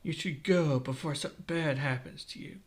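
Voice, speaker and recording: A man's voice: on the high side, brisk, pitched above the performer's own voice, natural voice. A man voicing a cruel, sneering adult bandit leader. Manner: sneering, mocking.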